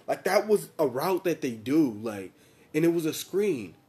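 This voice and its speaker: A man's voice: fairly high pitch, very animated, measured pace, a little mellow. A young American man chatting casually about sports in a slangy, profane, repetitive and emphatic frat-bro manner. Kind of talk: casual chat about football tactics.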